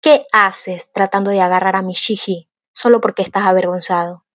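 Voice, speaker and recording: A woman's voice: medium pitch, steady tone, moderate pace, no echo, studio quality, natural voice. A woman reading the part of a brash young male swordsman who defends his sister, blunt and combative. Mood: furious.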